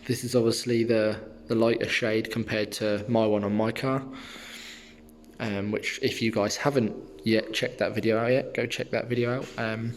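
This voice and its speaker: A man's voice: fairly low pitch, normal speed. A young man talking casually to the camera in a car vlog, rambling with fillers and losing his voice. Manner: chatty, relaxed, rambling with fillers. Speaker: car detailing vlogger.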